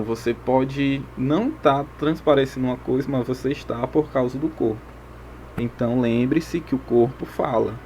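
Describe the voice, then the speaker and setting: Brazilian teacher, frequent "ok?" checks. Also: male voice, mid-range voice, darkish tone, a little hiss or hum. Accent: Brazilian Portuguese. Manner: explanatory, checks in with frequent "ok?" and "tá certo?". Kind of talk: recorded video lesson.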